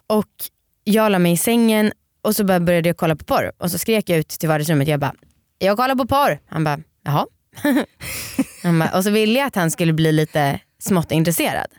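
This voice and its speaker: A woman's voice: on the low side, animated, darkish tone, dry recording, studio quality. A young woman co-hosting a podcast, chatting candidly, laughing often and acting out quotes in her stories. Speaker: podcast co-host. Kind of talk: casual frank chat.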